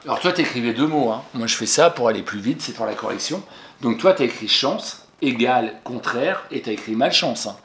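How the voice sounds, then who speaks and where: A man's voice: medium pitch, animated, brisk, fairly bright tone, a little hiss or hum. A male teacher patiently going over exercise answers for a young pupil, speaking to them directly and spelling words out letter by letter. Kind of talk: classroom lesson correction for young pupils. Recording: echoey room.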